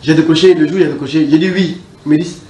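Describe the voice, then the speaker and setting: A man recounts his story at a rapid clip, his voice sitting a little high for a man. He talks in an animated way, often repeating and restarting as he goes. The recording is echoey, with loud noise behind him. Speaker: guest giving a religious testimony. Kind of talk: conversational storytelling.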